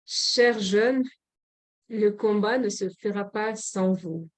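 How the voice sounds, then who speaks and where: A woman from Rwanda, a government representative, giving a formal closing speech at a forum in a measured way, with frequent pauses and hesitations. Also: medium pitch, fairly even intonation.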